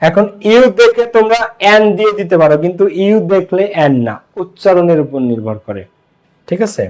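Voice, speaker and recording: High-voiced man teaching English grammar. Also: lively intonation, a little mellow, low-quality recording. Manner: drills students with repeated questions and answers; mixes Bengali explanation with slow English example phrases. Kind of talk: online English grammar class.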